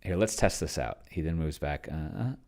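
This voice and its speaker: With an extremely low, darkish voice that stays expressive at normal speed, a solo tabletop roleplayer and video host comments casually while playing a roleplaying game. He thinks aloud, often muttering, trailing away, and drawing out words as he types on a computer keyboard heard in the background.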